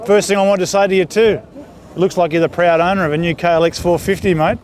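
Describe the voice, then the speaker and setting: A man's voice: high voice, steady tone, quick pace, a little mellow. A man reporting and interviewing casually at a motorsport event, in a matey, colloquial way. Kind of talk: casual trackside interview and commentary. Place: outdoors at a showground. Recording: outdoor location with background noise.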